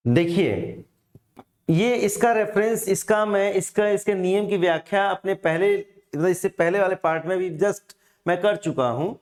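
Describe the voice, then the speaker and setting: Male grammar teacher, higher-pitched, deliberate, stretches out example words, asks and answers his own questions. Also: darkish tone. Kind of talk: exam-prep grammar lesson.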